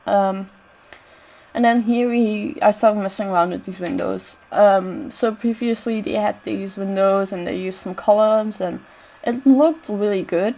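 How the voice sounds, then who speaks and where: Straining through a bad cold, a woman narrates a renovation in a building game, rambling casually and tossing in plenty of "I don't know" asides. Her voice is medium-pitched and dark, with vocal fry and a measured pace.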